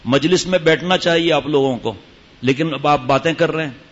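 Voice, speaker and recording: A man's voice: on the high side, lo-fi sound. A man giving a stern sermon to a gathering, scolding his listeners with rhetorical questions. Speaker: religious teacher at a mosque retreat.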